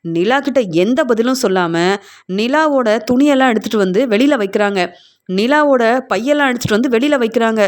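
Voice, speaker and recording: Woman serial reviewer, plain retelling narration, slightly high voice. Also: brisk.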